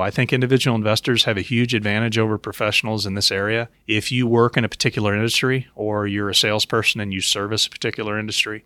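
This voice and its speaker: A man's voice: fairly low pitch, bright, forceful tone, no room sound. A man hosting a podcast, explaining advice and speaking directly to his listeners and co-host. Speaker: podcast host and investment professional. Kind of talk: podcast talk giving investment advice.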